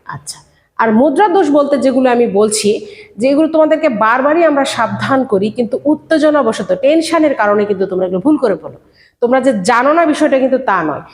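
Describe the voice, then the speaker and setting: A woman with a high-pitched voice teaches an exam-preparation lesson, speaking straight to her students. She explains patiently and slows down to sound out words clearly. The recording is roomy, with a long hall-like echo trailing her speech. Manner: demonstrates pronunciation slowly, word by word. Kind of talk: online exam-prep lesson. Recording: echoey room with long reverb.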